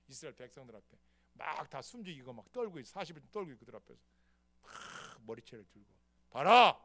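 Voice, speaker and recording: A man's voice: medium pitch, fairly bright tone. A male pastor preaching a sermon emphatically and calling for responses from the congregation, in a church. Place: church sanctuary.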